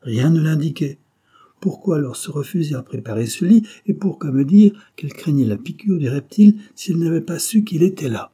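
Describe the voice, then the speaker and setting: A man's voice: medium pitch, moderate pace, warm tone, breathy edge. A man voicing Armand, a stern commanding young man. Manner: firm, accusing.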